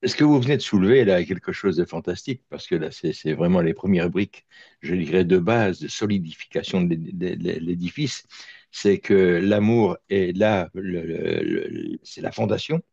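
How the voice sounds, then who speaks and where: Deep gravelly male panel host. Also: sing-song, normal speed, darkish tone, no room sound, muffled recording. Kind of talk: moderating a panel discussion.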